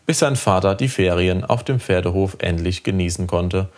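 A man narrating a children's story aloud in a lively, expressive way. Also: low-pitched, normal speed. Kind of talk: audiobook storytelling.

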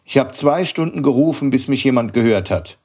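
A man's voice: mid-range voice, expressive, fairly quick, husky, voice pushed up. A man doing a shy, earnest schoolboy. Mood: timid. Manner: quiet, earnest, hesitant. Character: shy timid young schoolboy. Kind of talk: audiobook reading.

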